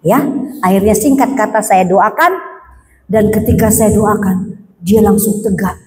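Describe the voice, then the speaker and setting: A woman's voice: medium pitch, measured pace. Woman preacher telling a testimony in a reverberant hall. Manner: acts out dialogue, shifts between hushed and raised voice. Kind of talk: testimony sermon storytelling.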